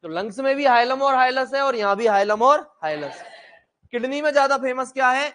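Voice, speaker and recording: A man with a very high voice lectures a class. He talks bluntly and half-jokingly, scolds his students and keeps asking them questions that he answers himself. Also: expressive, brisk, bright, forceful tone. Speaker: teacher.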